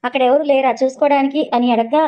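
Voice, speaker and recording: A woman's voice: high-pitched, steady tone, fast, muffled recording, lightly acted. A woman voicing an easygoing young groom in a spoken story, casual and reassuring. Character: young man, easygoing groom, brushing off worry.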